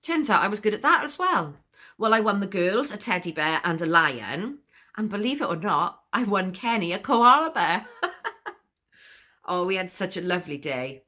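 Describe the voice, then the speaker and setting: A woman's voice: fairly low pitch, animated, normal speed, sharp tone. An actress playing a chatty, giggly woman who confides her story in a comic spoken monologue and laughs often between sentences. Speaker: monologue performer.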